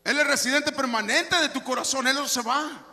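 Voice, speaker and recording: A man preaching a sermon as pastor, emphatic, rising to shouts and dropping to soft, hushed asides. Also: very high-pitched, normal speed, vocal fry. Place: church sanctuary. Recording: long reverb of a church hall.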